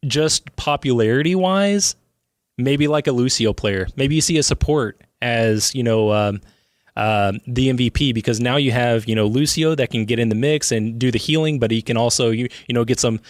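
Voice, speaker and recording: A man interviewed as a guest on a radio show, relaxed and enthusiastic, filling his talk with "I mean". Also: medium pitch, moderate pace, no echo, clean studio sound.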